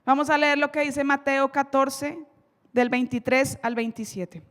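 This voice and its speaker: High-voiced Colombian woman preacher. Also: steady tone, a bit bright, big-room sound. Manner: emphatic, dramatic storytelling, slows for key lines. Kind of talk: sermon. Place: church.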